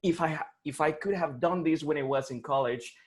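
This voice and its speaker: A Colombian man in his forties, with a Colombian Spanish accent, speaks haltingly and keeps restarting as the client in a one-on-one coaching session over video call. His voice is slightly high.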